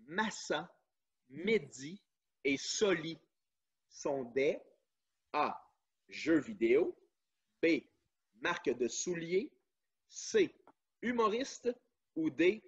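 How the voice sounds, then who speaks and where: A man's voice: a little high, big pitch swings, extremely slow, long pauses, slightly rough. A man from Quebec, hosting a family quiz and reading out questions and answer choices. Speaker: quiz host. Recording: dull lo-fi sound.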